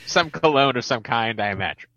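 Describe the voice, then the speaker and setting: A man's voice: medium pitch, lively intonation, brisk, bright, forceful tone, no echo. A man co-hosting a podcast, chatting casually about a movie with wry joking asides. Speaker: podcast co-host. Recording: slightly dull lo-fi mic.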